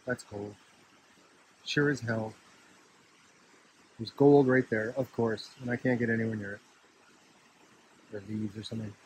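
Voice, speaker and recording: A man with a slightly husky voice gives casual, unhurried, offhand narration to his camera while walking a trail outdoors. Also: on the low side, steady tone, slight background noise, rough recording. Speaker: hiking vlogger. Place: outdoors on a park trail with a stream nearby.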